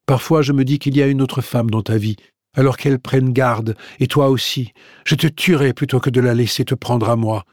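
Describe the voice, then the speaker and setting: A man's voice: mid-range voice, steady tone, moderate pace, darkish tone, no room sound, clean studio sound, lightly acted. A man reading out an anxious, pleading love letter from a young woman in an audiobook.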